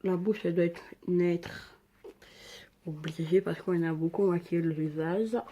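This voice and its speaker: A woman with an African French accent talks casually through a makeup tutorial, filling pauses with repeated little words and murmuring asides while she works. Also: on the low side, fairly even intonation, dark tone, dull audio. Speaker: makeup vlogger.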